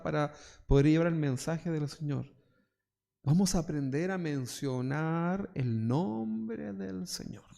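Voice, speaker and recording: Gravelly Chilean pastor preaching. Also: male voice, a little high, dark tone. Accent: Chilean Spanish. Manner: conversational preaching, rhetorical questions, mock voices. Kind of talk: sermon.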